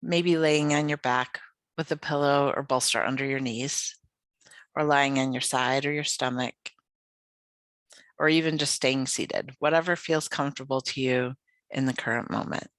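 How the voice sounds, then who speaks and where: Guiding a yoga nidra session, this speaker keeps a steady tone and a mid-range voice, unhurried and soothing, with gentle invitations and pauses. The recording has no echo.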